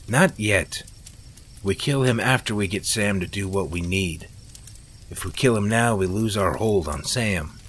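A man's voice: on the low side, unhurried, fairly bright tone, a little hiss or hum. A man voicing a ruthless, greedy ringleader who talks in a cold, calculating way. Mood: scheming.

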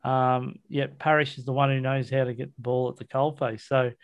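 A man with an Australian accent and an average-pitched voice chats casually about sport as a podcast host. His delivery is blokey and colloquial, like talk between mates. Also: flat delivery, moderate pace. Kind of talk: casual football chat, match review.

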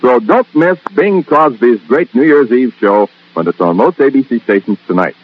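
Male network announcer, lively swooping sales pitch, slightly husky, dull lo-fi sound of an old broadcast disc. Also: normal speed. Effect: old broadcast transcription disc. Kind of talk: promotional radio announcing. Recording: dull lo-fi 1940s radio disc.

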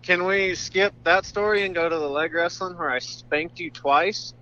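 A man's voice: high-pitched, moderate pace, pushed and bright. A man calling in by phone from his pickup truck. He banters in a dry, teasing way. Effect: heard over a phone line. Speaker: phone-in guest. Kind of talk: casual phone chat. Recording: muffled phone line.

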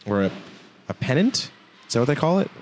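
A man co-hosting a casual hockey podcast, joking and rambling with quick asides. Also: medium pitch, big pitch swings, slight background noise. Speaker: podcast co-host.

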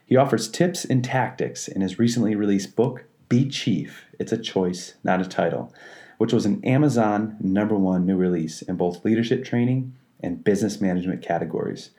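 A podcast host with a fairly low, mellow voice and a moderate pace reads out a guest introduction, then chats. He asks his interview questions in an upbeat way.

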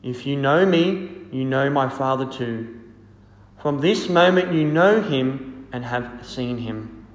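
A priest reading the gospel and preaching a homily in a slow, measured, solemn way, heard with a cathedral-like echo. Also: male voice, mid-range voice, expressive. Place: large church. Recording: long reverberant church echo.

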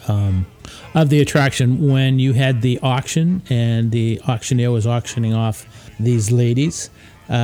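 A man hosting a podcast, telling history in a relaxed, casual way, often pausing with uh and um. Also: medium pitch. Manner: relaxed, hesitant, with frequent uh and um. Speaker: podcast host. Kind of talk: casual informal history talk.

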